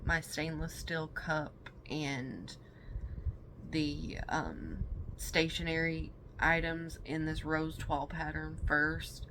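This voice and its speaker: A woman talking unhurriedly through a product haul in a low voice. Her tone is folksy and chatty, with a faint hiss in the background. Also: a bit bright. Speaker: vlogger.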